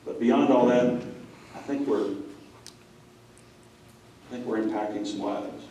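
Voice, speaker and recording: A man's voice: medium pitch, unhurried, dark tone, muffled recording, slight background noise. A middle-aged man, a school president, giving a plainspoken conference talk to a seated audience, telling stories with asides to the listeners. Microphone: far room mic. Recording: echoey room from far off.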